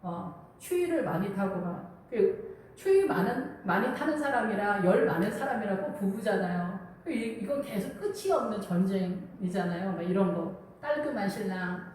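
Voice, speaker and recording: A woman's voice: mid-range voice, animated, normal speed, a little mellow, slight background noise. A middle-aged woman pastor giving a sermon in a conversational way, weaving in personal stories and acted-out inner thoughts. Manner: conversational preaching with personal anecdotes and quoted inner voices. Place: church sanctuary. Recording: echoey room, voice from a distance.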